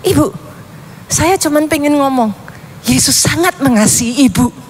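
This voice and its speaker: A woman's voice: high-pitched, a bit bright, in a large hall, slight background noise, pitched above the performer's own voice. A woman voicing an eager, persistent eleven-year-old boy in a sermon story.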